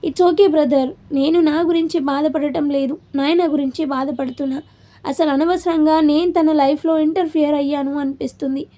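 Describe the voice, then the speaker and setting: A woman's voice: sits high, steady tone, moderate pace, mellow, natural voice. A woman reading a young man's lines in a storybook tale, first heated, then apologetic. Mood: regretful. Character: angry, hurt young man, a lover.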